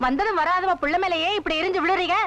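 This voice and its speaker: An actress playing a doting, sharp-tongued village mother in a film. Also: very high-pitched, quick pace. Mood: defensive. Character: doting village mother, middle-aged woman. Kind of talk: Tamil film acting. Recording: dull lo-fi film soundtrack with music.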